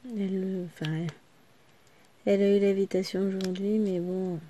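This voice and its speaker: Her voice is medium-pitched and mellow, with little pitch movement, at normal speed and with slight background noise. This woman vlogger rambles chattily to viewers with lots of small asides, and her recently lost voice still breaks at times.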